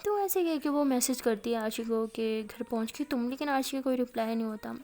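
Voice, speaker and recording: A woman's voice: on the high side, brisk, dark tone. A woman narrating a love story in a chatty, casual storytelling way.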